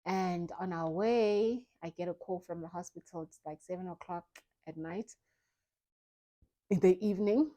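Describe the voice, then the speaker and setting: A woman softly telling a personal story of grief in a vlog, acting out her own past thoughts. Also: lowish voice, moderate pace. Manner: soft, reflective, grieving, re-enacting her own thoughts. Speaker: vlogger.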